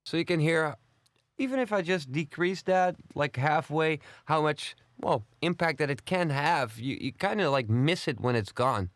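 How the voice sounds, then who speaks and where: A man presenting an audio plugin tutorial in a home studio, explaining each control step by step in a steady, methodical way. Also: fairly high pitch, normal speed, no echo. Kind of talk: software walkthrough tutorial.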